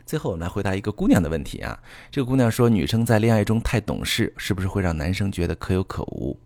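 Low, lively-toned male advice host. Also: quick pace, no room sound. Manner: earnest, instructive, addresses listeners directly. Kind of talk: advice monologue.

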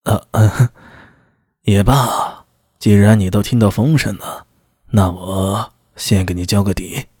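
A composed middle-aged county magistrate, voiced by a male audiobook reader speaks in a measured, authoritative way. His voice sits low and slightly husky. The recording is dry and close. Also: steady tone, a little mellow, no room sound.

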